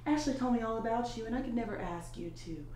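A woman's voice: fairly high pitch, fast talker, close to an everyday voice. A woman acting a bold, scheming young woman in a comedy sketch, sly and commanding. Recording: echoey room with clear background noise.

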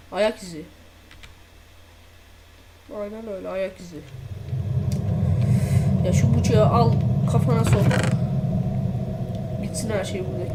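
A woman giving horror game commentary, jumpy and swearing, talking to herself as she plays. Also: mid-range voice. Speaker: gameplay commentator. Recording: noisy home recording.

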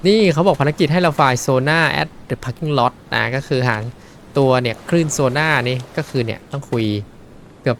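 A man streaming a horror fishing game, chatting and reacting excitedly as he plays. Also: mid-range voice, unhurried, slight background noise. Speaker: gaming streamer. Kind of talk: live game commentary.

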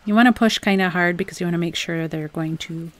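A young adult woman hosting a home crafts channel, talking through a project in a relaxed, chatty voice-over with frequent "um"s. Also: on the low side, fast talker. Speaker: DIY crafts channel host. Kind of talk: casual voice-over tutorial.

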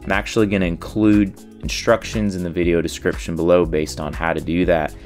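A man in his thirties giving a steady, step-by-step voice-over on a boat installation. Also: deep voice, fairly quick. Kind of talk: voice-over how-to narration. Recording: faint music underneath.

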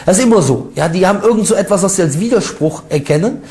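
High-voiced man lecturing in an echoey room. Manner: lively and mocking, with ironic asides and quick laughs. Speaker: Islamic preacher. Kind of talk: informal religious lecture rebutting critics.

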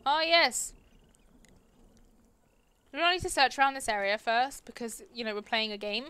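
A woman's voice: on the high side, expressive, moderate pace, sharp tone, smooth, dry recording. A young British woman chatting playfully through a game livestream, muttering reactions and joking with viewers. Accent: British English. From England. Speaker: livestreaming gamer. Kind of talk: casual let's-play commentary.

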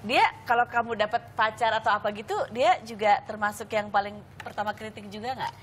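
A woman hosting a TV talk show in a studio, asking teasing questions and reacting quickly to her guests. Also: medium pitch, slight background noise. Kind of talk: casual talk-show chat. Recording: studio audience audible behind.

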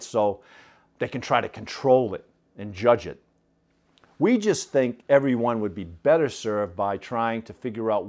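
Animated storytelling man. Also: medium pitch. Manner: animated, conversational, asks listeners "right?". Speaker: speaker. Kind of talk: storytelling talk.

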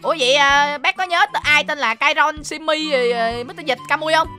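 A woman hosting a game role-play, narrating to viewers in an excitable, exclamatory, chatty way. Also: sits high, brisk, music in the background. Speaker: host.

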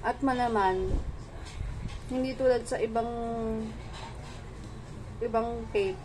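A woman's voice: a little high, slow pace. A Filipino woman vlogger chatting casually while she talks with her mouth full of cake. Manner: chatty, loose mix of Filipino and English. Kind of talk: casual home vlog chat. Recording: noisy home recording.

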